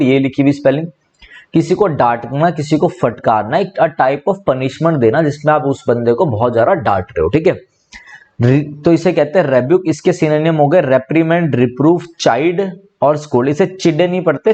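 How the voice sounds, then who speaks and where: A man's voice: a little high, a little mellow, dull audio. A male teacher with an Indian English accent giving an exam-prep vocabulary lesson, mixing Hindi and English and spelling words letter by letter. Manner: addresses students as "my brother".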